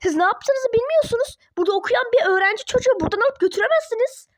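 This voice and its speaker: A woman voicing a polite, formal class teacher who calms an angry parent in a toy-app role-play drama. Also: very high voice, fast, no echo, studio quality, pitched above the performer's own voice. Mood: firm. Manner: formal, soothing.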